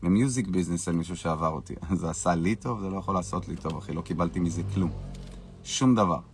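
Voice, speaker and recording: Man, live-stream host, very deep voice, gravelly, brash and boastful, casual chat. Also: faint music behind.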